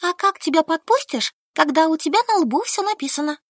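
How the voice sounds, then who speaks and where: A woman reading an audiobook, voicing an excitable, bossy young woman in a shrill, quick, indignant voice. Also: dry recording, studio quality. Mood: insistent.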